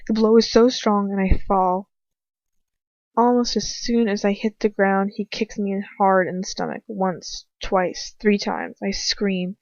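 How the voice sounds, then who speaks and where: A woman acting as an amateur audiobook narrator gives a dramatic first-person reading of fan fiction. Her voice is medium-pitched and darkish with vocal fry, and the home recording sounds muffled and roomy.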